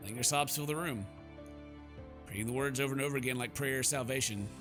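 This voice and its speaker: Over background game music, a gaming streamer with a mid-range voice talks quickly, reading out narration and breaking off into playful, offhand comments.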